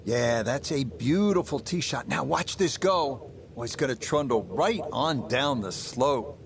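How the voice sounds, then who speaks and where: A man calmly calling golf shots with a measured voice of middling pitch. Faint noise hums behind him. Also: vocal fry. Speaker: golf commentator. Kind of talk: play-by-play commentary.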